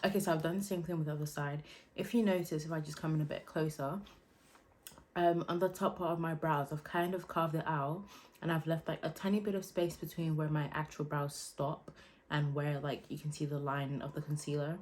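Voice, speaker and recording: Young woman with a pretty low voice just chatting thru her makeup routine, easygoing, lots of "um" and "like". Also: brisk. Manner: chatty, relaxed, with frequent fillers. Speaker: beauty vlogger. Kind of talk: casual makeup tutorial.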